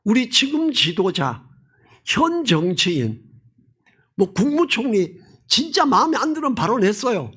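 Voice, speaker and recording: A male pastor giving an expository sermon in a lively, conversational way, mixing in stories from his own life. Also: very high voice, unhurried, husky. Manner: animated, personal storytelling; colloquial, conversational preaching.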